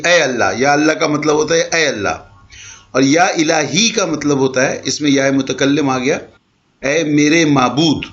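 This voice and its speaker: A man's voice: fairly high pitch, a bit bright, lo-fi sound. A man teaching an Arabic grammar class in Urdu, explaining patiently and mixing in English terms. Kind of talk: online class lecture.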